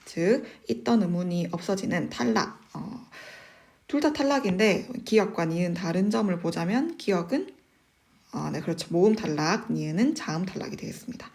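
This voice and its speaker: A woman teacher explaining exam questions in an online lesson, patient and methodical, often pausing on "eo" and asking the class rhetorical questions. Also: fairly low pitch, lively intonation, vocal fry, a little mellow. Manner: patient, step-by-step explaining with frequent "eo" fillers.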